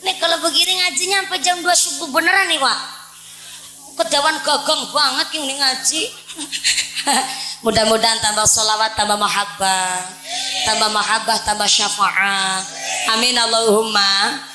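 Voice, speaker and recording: At a village religious gathering, a woman preacher from Central Java with a Banyumas Javanese accent gives a playful, humorous sermon, often calling the men "Pak." Her high voice holds a steady tone at normal speed with long pauses, in an echoey room with a noisy background.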